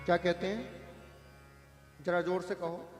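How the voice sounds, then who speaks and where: A man with a high voice preaches a slow, unhurried devotional talk. He asks his listeners questions, answers them himself, and draws out chanted syllables. His voice rings around a large hall with a long reverb. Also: little pitch movement, faint music behind. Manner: chants drawn-out Om between explanations. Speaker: spiritual preacher. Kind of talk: devotional discourse to an audience.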